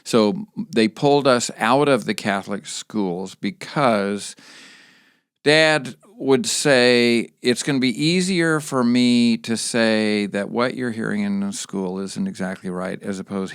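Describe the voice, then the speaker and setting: Gravelly-voiced middle-aged Texan man. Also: lowish voice, no echo, clean studio sound. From Texas. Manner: halting, with many restarts. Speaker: guest. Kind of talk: conversational storytelling.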